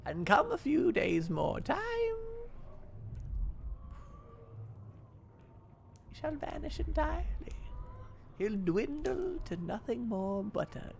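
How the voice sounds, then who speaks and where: Man putting on a creaky, sly old hag. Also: very high voice, wildly swooping pitch, slight background noise, full character voice. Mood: gloating. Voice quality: creaky, cackling old-crone voice. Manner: slow, drawn-out, mock-sweet "dearie" talk. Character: sly old hag woman bargaining over curses. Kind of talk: in-character tabletop role-play.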